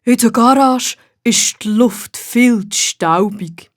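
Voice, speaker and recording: A woman with a Swiss German accent voicing a cheerful, talkative male garden gnome in a children's storybook, slow and deep-toned. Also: no echo, studio quality. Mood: content.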